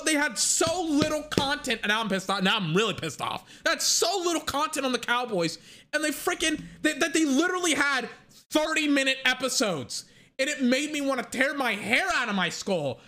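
Bright-voiced ranting angrily about sports. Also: high-pitched, a little hiss or hum. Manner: angry, profane, fast ranting. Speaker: sports commentator. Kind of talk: heated sports rant.

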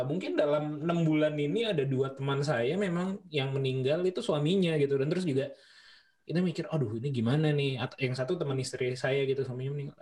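A man's voice: fairly high pitch, darkish tone. A man hosting an interview, asking long, hesitant questions full of restarts. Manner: hesitant, many fillers and restarts. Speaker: host. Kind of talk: casual interview talk.

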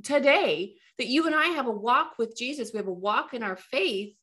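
A woman's voice: fairly high pitch, expressive, moderate pace, a bit bright. A woman hosting a casual faith conversation, affirming her guest and growing emotional as she talks, stumbling over her words. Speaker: podcast host.

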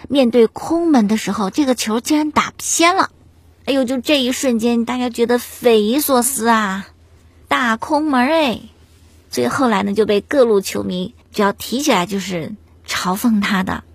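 Female host, casual storyteller; breathy, slightly high voice, dry close sound. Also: no room sound. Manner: chatty, animated storytelling with rhetorical questions. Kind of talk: casual storytelling commentary on football.

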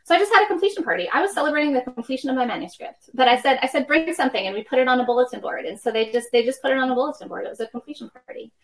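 A woman's voice: high voice, lively intonation, rapid-fire, hardly any pauses, poor audio. A woman in her fifties, a worship professor speaking as a podcast guest, explaining ideas reflectively through personal anecdotes. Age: 50s. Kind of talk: conversational podcast interview.

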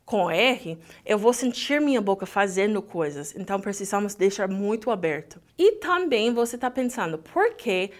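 A woman's voice: medium pitch, normal speed, few pauses. Woman teaching in Portuguese. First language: English. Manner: lively, switches between Portuguese and English. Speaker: English teacher. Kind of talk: language lesson, explaining lyrics.

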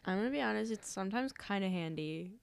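A woman's voice: medium pitch, lively intonation, vocal fry, clear, resonant tone, no room sound. A young woman co-hosting a casual podcast chat, trading sarcastic quips. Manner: sarcastic, quick back-and-forth quips. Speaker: podcast co-host.

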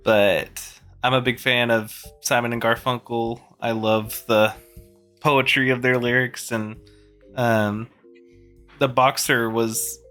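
A man chatting casually as a guest on a podcast about cover songs, easygoing and quick to laugh. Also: mid-range voice, level tone, fairly bright tone, faint music behind. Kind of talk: casual chat.

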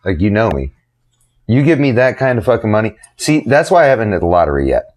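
A low-voiced man riffing bluntly on a podcast. His pitch swings widely as he rambles and swears his way through casual banter. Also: very animated, fast talker, darkish tone. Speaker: podcast co-host. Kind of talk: casual profane chat.

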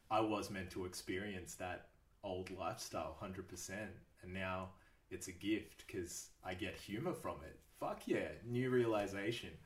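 A man's voice: low-pitched, roomy sound, distant mic. A man talking casually as a podcast guest. He swears freely and laughs often. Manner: laid-back, swears a lot, laughs often. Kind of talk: casual chat.

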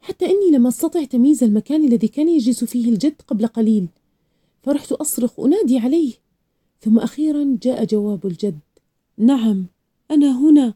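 A woman reading a novel aloud in an expressive first-person storytelling voice. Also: fairly high pitch, quick pace. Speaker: narrator.

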